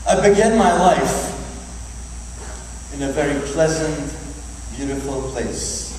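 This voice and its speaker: Older man in his eighties, fairly high voice, heard from the back of a big echoey hall, slow storyteller with a dry wit. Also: a little mellow, distant mic, slight background noise. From Czechoslovakia. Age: 80s. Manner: measured, unhurried storytelling with dry humor. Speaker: speaker recounting his life. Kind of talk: public talk to an audience. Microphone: camcorder from the audience.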